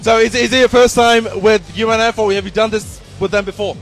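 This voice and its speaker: A man in his twenties working as an on-site event interviewer, phrasing things in a somewhat halting way. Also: high voice, fairly even intonation, faint music behind. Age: 20s. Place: large event hall by a stage, indoors. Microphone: handheld interview mic.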